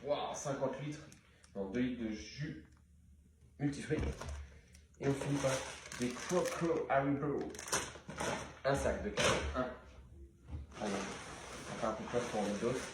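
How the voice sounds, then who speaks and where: A man's voice: medium pitch, a little slow, pauses often, heavy background noise. Playful man in a very echoey room. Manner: playful, jokes and sing-song repetitions. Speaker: vlogger. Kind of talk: casual grocery haul commentary.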